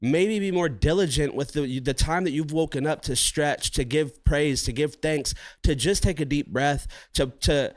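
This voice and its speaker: A man co-hosting a podcast in casual chat, rambling and animated, swearing freely as he talks through ideas. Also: a little high, dry recording, studio quality. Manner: rambling, profane and animated, acting out his inner voice. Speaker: podcast co-host.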